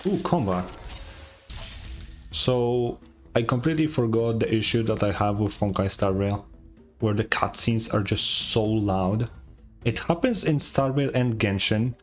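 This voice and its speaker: A gaming streamer who isn't a native English speaker offers casual commentary on a game, musing aloud and swearing as game music plays behind him. His voice is on the low side and unhurried.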